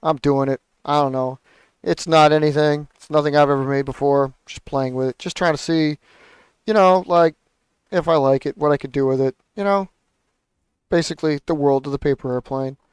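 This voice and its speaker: Clear-voiced ranting man. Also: a little high, fairly even intonation, moderate pace, no echo. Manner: rambling, profane, exasperated ranting. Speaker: podcast host building paper planes. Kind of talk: casual ranting chat.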